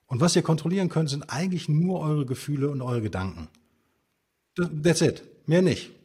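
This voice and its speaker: Animated husky man explaining. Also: fairly high pitch, fairly quick. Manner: animated, emphatic explainer with rhetorical questions. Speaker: podcast guest, stoicism author. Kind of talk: conversational interview.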